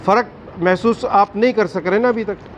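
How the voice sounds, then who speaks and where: A man teaching a Quran recitation class, firm and questioning, drawing out recited words slowly. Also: high-pitched, slight background noise. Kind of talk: classroom tajweed lesson.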